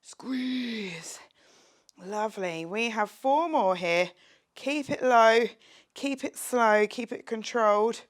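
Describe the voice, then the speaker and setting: A young fitness instructor leads a home workout from her home near a street window, exercising as she talks. She's upbeat, encouraging and chatty with jokes, sometimes dropping to a whisper, and her voice is fairly high-pitched and slow.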